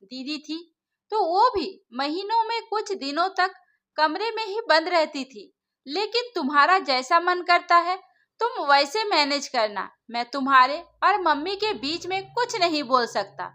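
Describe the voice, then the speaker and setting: A woman's voice: extremely high pitch, expressive, a little slow, sharp tone, heavily acted. A woman voicing an evasive young husband who brushes off his wife in a storybook. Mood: dismissive. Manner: dismissive.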